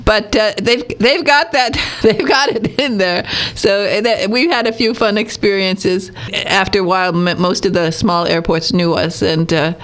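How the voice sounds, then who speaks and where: A woman interviewing a guest in casual chat, talking warmly and laughing between her words. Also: mid-range voice, fairly even intonation, normal speed, hardly any pauses.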